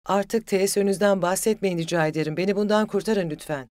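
A hot-headed young suitor, proud and quick to take offense, voiced by an audiobook reader who lifts the voice high and loud for him. His lines come raised, agitated and mocking. The sound is close and dry, with no room around it. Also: no room sound, natural voice. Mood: furious.

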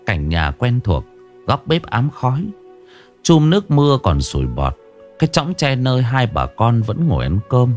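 A man narrating a story in a slow, expressive, dramatic reading. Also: medium pitch, soft background music.

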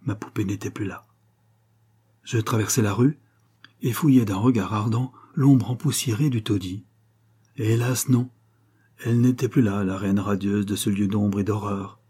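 A man narrating a literary story aloud, in an expressive, dramatic reading style. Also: on the low side, normal speed, breathy edge. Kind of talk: scripted audiobook narration.

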